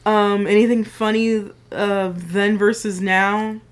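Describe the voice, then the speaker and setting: A woman's voice: medium pitch, level tone, slow. A woman in her thirties co-hosting a podcast in casual chat, chatty with trailing restarts and frequent laughter. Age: 30s. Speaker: podcast co-host.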